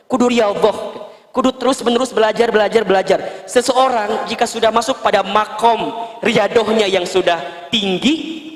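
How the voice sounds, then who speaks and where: High-voiced Sundanese preacher in a hall. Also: male voice. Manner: lively storytelling, wide swings of pitch, playful asides. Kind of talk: sermon. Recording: long hall reverb.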